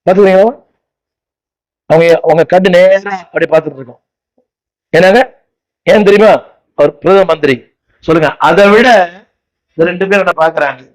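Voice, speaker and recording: High-voiced Tamil pastor exhorting congregation. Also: male voice, rough recording. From India. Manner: calls on the congregation to repeat after him; repetitive, exhorting, asks the crowd questions. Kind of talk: sermon. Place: church.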